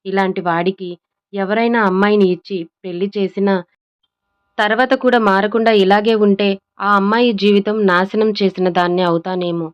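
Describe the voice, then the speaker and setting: బాధపడే తల్లి యశోద, ఒక మహిళ చదువుతూ. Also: female voice, mid-range voice, steady tone, normal speed, smooth, highs cut off, natural voice. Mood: worried. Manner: worried inner monologue. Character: worried middle-aged mother, sad and helpless.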